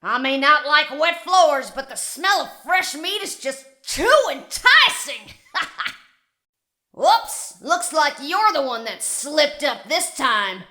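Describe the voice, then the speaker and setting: A woman's voice: high voice, big pitch swings, slow pace, bright, forceful tone, full character voice. A woman voicing a sassy, boastful old bird animatronic in a video game, with brash folksy taunting. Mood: smug taunting. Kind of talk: video game character acting.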